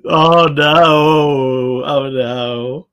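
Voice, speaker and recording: A man's voice: a little high, steady tone, drawn-out words, a bit bright, smooth. A man in his late twenties hosting a podcast, chatting in a jokey, self-mocking way. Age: late 20s. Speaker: podcast host. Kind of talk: casual podcast chat.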